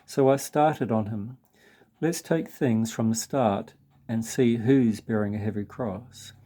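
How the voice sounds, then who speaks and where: Mellow-voiced man reading a spiritual book. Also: on the low side. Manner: measured, earnest reading with occasional slips. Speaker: priest reading aloud.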